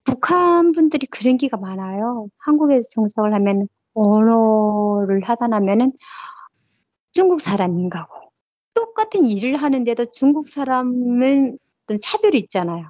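A woman in her thirties from North Korea, speaking with a North Korean accent, recounts her own story in an interview, with many fillers and restarts. Her voice is fairly high, sing-song and warm at a normal pace, captured in a dull, lo-fi, dry recording with no room sound.

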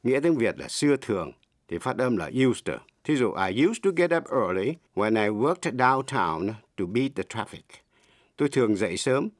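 A middle-aged man teaching English in Vietnamese, a native Vietnamese speaker who explains slowly and spells words out letter by letter. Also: mid-range voice, no echo, studio quality. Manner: slow, deliberate, spells words letter by letter and repeats examples.

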